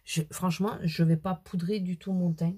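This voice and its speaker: Middle-aged woman vlogger with a cold, slightly low, mellow tone; casual, self-deprecating beauty chat. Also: fairly even intonation, moderate pace, husky. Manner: chatty, rambling, self-deprecating asides. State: has a cold. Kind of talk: casual makeup vlog chat. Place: at home at her mirror.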